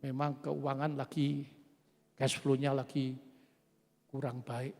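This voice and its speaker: A man in his seventies preaches a sermon in a church hall, giving testimony and emphatically calling out to the congregation again and again. His medium-pitched voice is level, slow, creaky and darkish, recorded with echo and faint music.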